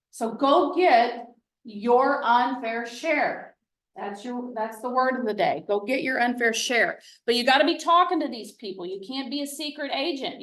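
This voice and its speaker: A woman giving a lively real estate training talk to a room, folksy and emphatic, with chatty asides. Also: high-pitched, distant mic. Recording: roomy, from off the mic.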